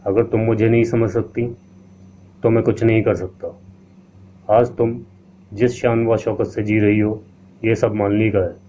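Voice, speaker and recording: A man's voice: on the low side, little pitch movement, unhurried, long pauses, warm tone, natural voice. A man voicing stern scheming haveli master. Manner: stern and dismissive. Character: scheming wealthy male haveli owner. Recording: tinny lo-fi line with faint hiss.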